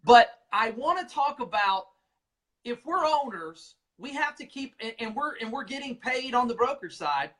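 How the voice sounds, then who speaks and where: A man's voice: very high voice, sing-song, normal speed, a bit bright. A man hosting a livestream interview, asking questions in a casual, conversational way. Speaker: host interviewer.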